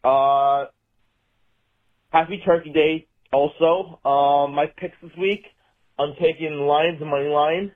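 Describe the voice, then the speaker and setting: A man's voice: on the high side, steady tone, slow pace. Profane male caller on a played voicemail. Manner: profane, exasperated, rambling. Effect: played voicemail message. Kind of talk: casual rant. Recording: tinny phone voicemail.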